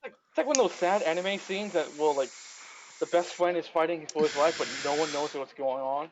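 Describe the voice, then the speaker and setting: A tabletop game player talks casually and a bit hesitantly, in a mid-pitched voice. The mic carries faint noise and clicks. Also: fairly quick, rough recording.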